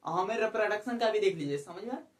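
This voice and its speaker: A male biology teacher delivers an exam-prep lecture at a quick pace, his voice sitting high with lively intonation. He keeps asking rhetorical questions, repeats key terms, and checks that students are following. The room is echoey and he is far from the mic.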